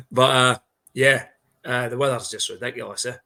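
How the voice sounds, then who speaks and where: Bright-voiced man with a broad Scottish accent. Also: mid-range voice, steady tone, unhurried, gravelly. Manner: sweary, blunt, colloquial. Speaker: podcast co-host. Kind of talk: casual sports chat.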